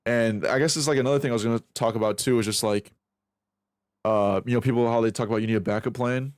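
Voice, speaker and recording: A twenty-something streamer talks fast in a medium-pitched, fairly even voice during a late-night aim training session. He rambles with plenty of swearing and restarts, musing on practice, pressure and backup plans. The studio sound is clean with no echo.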